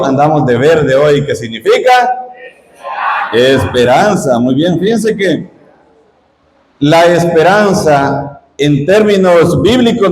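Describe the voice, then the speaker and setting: A man's voice: fairly high pitch, darkish tone. A middle-aged man from Guatemala, a lay missionary giving a parish retreat talk in a conversational, teaching way, asking the audience questions. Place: church hall. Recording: echoey parish hall.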